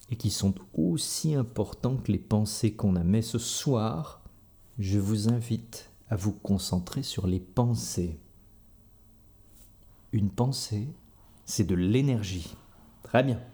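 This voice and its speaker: A man hosting an audio show as an energy healer, talking calmly and conversationally, speaking straight to his listeners. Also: fairly low pitch, husky. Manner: calm, conversational, addresses listeners directly. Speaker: energy healer and podcast host. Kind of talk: reflective spoken talk.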